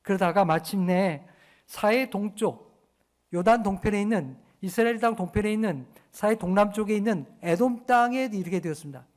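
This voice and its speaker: A man's voice: sits high, normal speed. A male pastor preaching a sermon in a church, talking conversationally and asking the congregation rhetorical questions. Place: church sanctuary.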